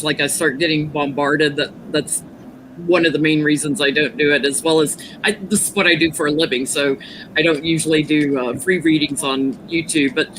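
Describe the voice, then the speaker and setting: A woman speaking matter-of-factly and reassuringly as a psychic medium, giving a casual reading on a livestream. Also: low-pitched. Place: video call livestream. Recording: clearly noisy livestream audio.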